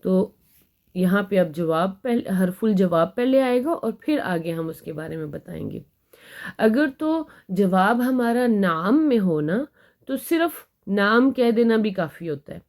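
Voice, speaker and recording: Patiently explaining Arabic grammar, a woman with a medium-pitched, darkish voice reads example sentences slowly before she translates each one.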